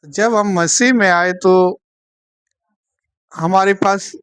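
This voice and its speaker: A woman teaching a Bible study, speaking slowly and checking in with her listeners after almost every point. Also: medium pitch, fairly bright tone, smooth, no echo, studio quality. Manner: slow, keeps asking "theek hai na?".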